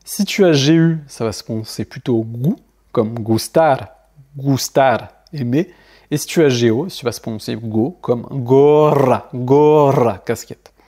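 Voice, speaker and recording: A man giving an online language lesson, hesitating often and repeating example words slowly and carefully. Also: mid-range voice, expressive, mellow, slightly rough. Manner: hesitant, many fillers, slow careful word repetitions. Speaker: Spanish teacher.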